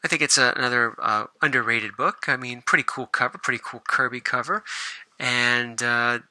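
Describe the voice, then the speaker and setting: A man's voice: medium pitch, steady tone, moderate pace, bright, forceful tone, dry recording, low-quality recording. A man hosting a casual show-and-tell video about comic books, rambling, with lots of fillers and restarts. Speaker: comic book collector and channel host.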